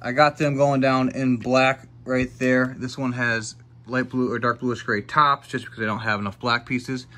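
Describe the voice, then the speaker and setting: A man's voice: medium pitch, fairly bright tone. A young man hosting a casual, chatty walkthrough vlog, thinking aloud as he films his tabletop model city with a handheld phone indoors. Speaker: YouTuber showing his toy brick city.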